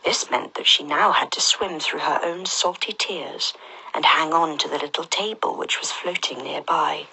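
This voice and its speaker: Woman, whispered storybook narration, soft and gentle, low pitch, breathy. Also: steady tone, moderate pace, low-quality recording.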